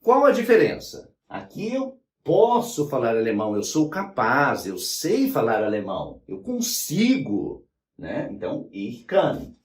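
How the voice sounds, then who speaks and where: A man teaching German in a lesson, explaining slowly and checking in with the class as he writes on a board. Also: medium pitch, huge pitch swings. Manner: explains slowly, spelling out German forms, with frequent "né?" and "tá?". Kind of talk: whiteboard language lesson. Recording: roomy sound from a distant mic.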